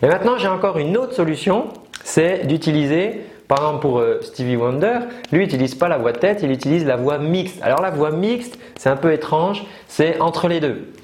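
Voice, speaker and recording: A man's voice: on the high side, animated, normal speed, darkish tone. A man teaching singing in a casual online lesson, explaining with many fillers and demonstrating sung notes. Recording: roomy echo.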